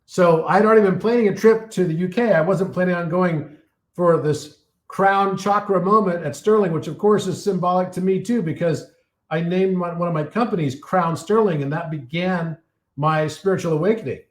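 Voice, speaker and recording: A man giving a live talk and taking audience questions, telling stories full of fillers and restarts while his voice is getting a little hoarse. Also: fairly high pitch, normal speed, reverberant. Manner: rambling storytelling with many fillers and restarts.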